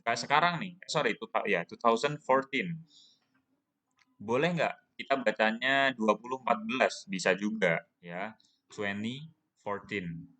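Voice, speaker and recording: Male teacher with Indonesian accent, lowish voice, patient self-answering explainer for a recorded class. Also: a bit bright. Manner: explains patiently, asks and answers his own questions. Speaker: English teacher. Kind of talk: recorded online class lesson.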